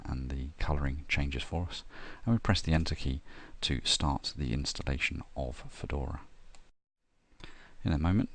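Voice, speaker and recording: A guy with a really deep, low voice narrates a screen-recorded software tutorial, walking through a computer setup step by step. He explains steadily but fills it with frequent "uh"s and "um"s.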